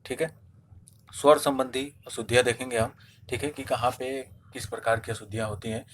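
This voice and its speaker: A man's voice: medium pitch, slight background noise. A man teaching a spelling lesson for exam preparation, explaining step by step and answering his own questions. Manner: repeats "theek hai" often. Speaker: Hindi teacher. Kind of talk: online exam-prep lesson.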